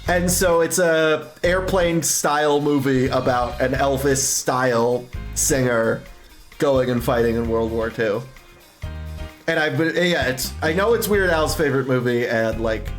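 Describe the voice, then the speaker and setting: Speaking a little slowly at a medium pitch, a streamer chats casually over a game, reading its dialogue aloud and telling rambling movie anecdotes. Music runs in the background.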